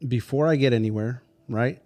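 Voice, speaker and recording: A man's voice: medium pitch, normal speed, darkish tone, faint music behind. A man talking as a guest on a podcast who tells stories and acts out what others said, laughing often, then explains ideas step by step repeated "right?". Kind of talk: casual podcast conversation.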